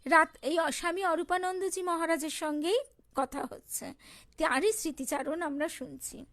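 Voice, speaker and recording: A woman leading a devotional reading circle, reading memoir passages aloud and explaining them in an unhurried way, with a Bengali accent. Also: very high-pitched, fairly bright tone.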